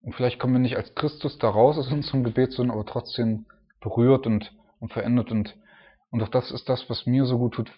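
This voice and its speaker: Guy preaching a laid-back sermon, chatty with lots of fillers, mid-pitched voice, kinda muffled low-fi sound. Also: fairly even intonation, fairly quick, husky. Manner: conversational, folksy asides, frequent fillers. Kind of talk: informal sermon, Bible exposition. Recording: dull lo-fi recording.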